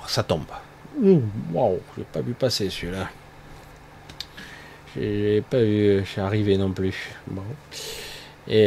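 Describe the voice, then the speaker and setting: A man with a lowish voice talks through a casual spiritual monologue. He rambles and circles back, filling gaps with little tag words. A faint hum of noise sits behind him. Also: darkish tone. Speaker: spiritual speaker.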